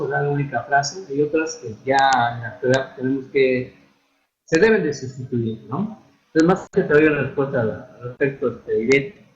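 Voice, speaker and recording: A man's voice: medium pitch, a little hiss or hum. Man teaching with hesitant fillers, echoey. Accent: Mexican Spanish. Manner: unhurried, hesitant, many fillers and restarts. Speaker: instructor. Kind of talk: online lecture on writing and spelling. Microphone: computer mic for a virtual classroom. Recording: echoey, dull online-classroom audio.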